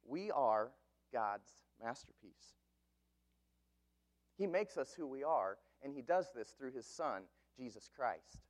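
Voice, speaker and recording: A man in his thirties, a pastor, preaching an earnest sermon with slow, emphatic phrases. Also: mid-range voice, lively intonation.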